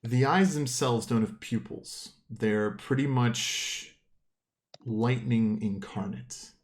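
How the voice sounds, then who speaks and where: A man's voice: mid-range voice, slow. A man improvising descriptive, conversational narration as the game master of a tabletop role-playing game.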